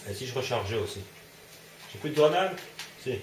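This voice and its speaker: A man's voice: mid-range voice, animated, moderate pace, reverberant, slight background noise. A man commentating his own gameplay, swearing and yelping when startled. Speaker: let's play gamer.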